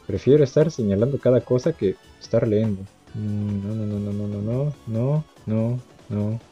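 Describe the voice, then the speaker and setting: A young man giving let's-play commentary, muttering to himself and breaking into high yelps and laughs. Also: warm tone, breathy edge. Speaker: gamer. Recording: dull lo-fi sound with game music.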